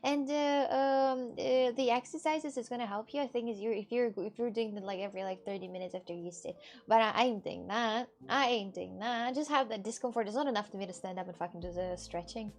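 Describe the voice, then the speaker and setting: Answering viewers in a relaxed chat, a streamer in her twenties rambles, laughs frequently, and swears a lot. She talks fairly quickly on the high side with hardly any pauses, and there's a little hiss or hum in the recording.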